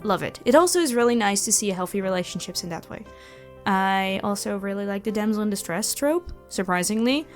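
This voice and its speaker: Speaking a little fast at a medium pitch with lively intonation, a woman chats animatedly with her audience. As an audio roleplay creator and channel host, she answers questions in a casual, self-effacing manner over background music.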